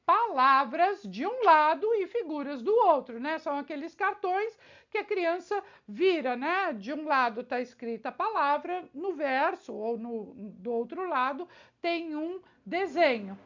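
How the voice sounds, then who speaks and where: In a civil service exam-prep lesson, a teacher speaks in a very high, lively voice at a slightly slow pace, and the audio sounds dull. She addresses the viewer directly and keeps asking rhetorical questions and checking in.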